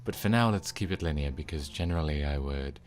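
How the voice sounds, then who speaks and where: A man with a very deep, low-pitched voice delivers scripted narration as a game reviewer. His wording is casual and wry, while the read stays that of a prepared retrospective. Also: fast talker. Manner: informal, wry, sweary.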